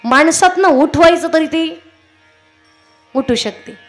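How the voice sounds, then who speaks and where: A woman's voice: very high-pitched, slow, faint music behind. A woman telling a story in a kirtan sermon, asking the audience questions and acting out the characters. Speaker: kirtan preacher.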